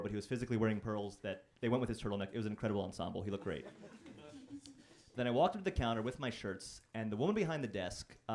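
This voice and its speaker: A man's voice: medium pitch, a little mellow. A man performing a stand-up set on a comedy club stage, telling stories in a conversational, self-deprecating, wry way into a handheld mic.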